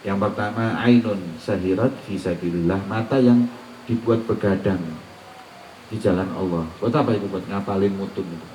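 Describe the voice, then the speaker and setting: A preacher with a low, darkish voice speaks at normal speed in an Islamic sermon, quoting Arabic recitations, mixing them with colloquial teaching, and posing rhetorical questions to listeners. His voice is off-mic and distant in a roomy echo, with slight background noise.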